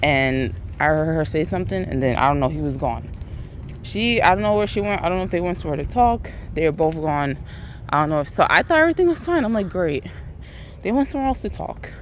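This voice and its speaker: A woman's voice: sits low, fast talker. American woman vlogging on a walk, outdoor noise. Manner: talking while out walking; animated retelling, acts out quoted speech. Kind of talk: casual storytelling to viewers.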